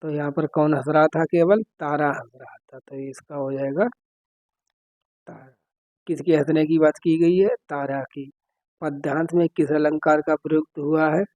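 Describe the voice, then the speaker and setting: A man with a slightly high, darkish voice teaches an exam-prep lesson, working through questions step by step and frequently checking in with his students. The recording is dry, slightly dull, with no room sound.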